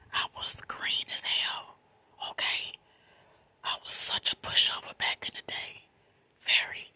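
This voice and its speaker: An American woman tells a personal story in a soft, breathy, quiet late-night whisper, speaking informally with slang and repeated phrases. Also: deep voice, dry recording.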